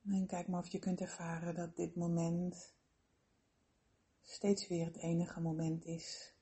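A woman leading a slow guided relaxation meditation in a soothing, gentle, unhurried manner with long pauses. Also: fairly low pitch, level tone.

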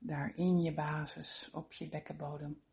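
Low, creaky-voiced woman guiding meditation, muffled. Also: little pitch movement. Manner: soothing, unhurried instructions with gentle encouragement. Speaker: guided meditation instructor. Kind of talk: guided relaxation meditation.

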